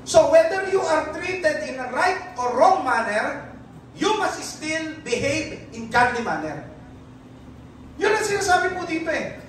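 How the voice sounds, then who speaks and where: Filipino accent, preacher, sermon, asks for amens, high voice, booming echo, far from mic. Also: very animated, a little slow, slight background noise. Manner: keeps asking the congregation for an amen. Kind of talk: sermon to a congregation. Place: church hall. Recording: very echoey room, speaker far from mic.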